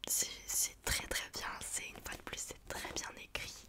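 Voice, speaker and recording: A woman talks entirely in a hushed, unvoiced library whisper. Her delivery is an informal ASMR book chat, breathy and soft, with a hesitant, searching way of putting things. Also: a little slow.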